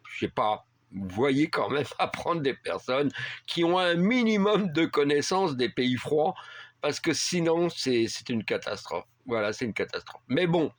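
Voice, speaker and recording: A man's voice: a little high, lively intonation, measured pace, dry recording. Rambling man telling a story, dry sound. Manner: rambling, many fillers and restarts. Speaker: vlogger. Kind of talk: casual storytelling. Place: rural home heated by a wood stove.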